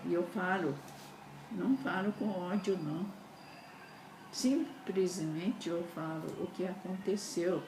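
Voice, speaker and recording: A woman's voice: lowish voice, slow. A woman giving an earnest, repetitive spiritual talk, often ending phrases with a questioning tag. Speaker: spiritual speaker. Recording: roomy echo with steady background noise.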